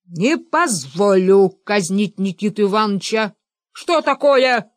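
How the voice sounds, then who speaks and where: Woman voicing a timid, shrill young man. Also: lively intonation, a little slow, no echo. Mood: pleading. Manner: shrill, frightened shouting.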